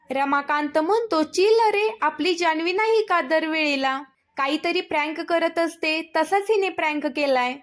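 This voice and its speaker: A woman narrating a recap of a TV serial episode in a steady storytelling manner, reading the characters' lines without acting them out. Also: very high voice. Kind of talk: plain spoken recap narration.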